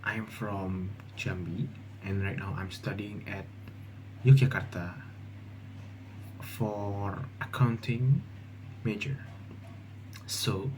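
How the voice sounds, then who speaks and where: Here a young Indonesian vlogger talks casually in accented English, his second language, stopping, restarting, and leaning on fillers. The pitch is fairly low, the tone a little mellow, and there's a faint hiss or hum.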